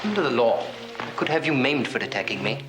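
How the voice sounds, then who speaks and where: A man's voice: medium pitch, very animated, fast talker, natural voice. An actor playing an arrogant, hot-tempered young nobleman who sneers and threatens. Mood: menacing. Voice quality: sneering, contemptuous. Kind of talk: period film acting. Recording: film soundtrack with music.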